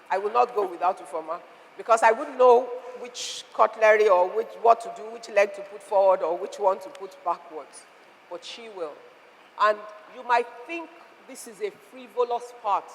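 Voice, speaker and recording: A woman's voice: mid-range voice, normal speed, a little hiss or hum. A woman host confidently introducing a guest speaker to an audience. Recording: long reverb of a hall.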